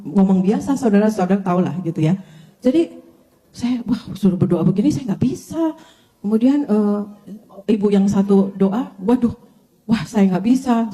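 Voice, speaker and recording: Older woman, pastor, church testimony, mellow voice, animated storytelling. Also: mid-range voice. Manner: animated storytelling, often addressing listeners as brothers and sisters. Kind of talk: testimony sermon to a congregation.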